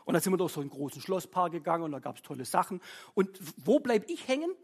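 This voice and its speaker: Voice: mid-range voice, big pitch swings, fast talker, vocal fry, a little mellow, breathy edge. A middle-aged preacher giving a casual devotional talk, chatting with listeners and reading scripture aloud between remarks. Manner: chatty, keeps asking "ja?" of listeners.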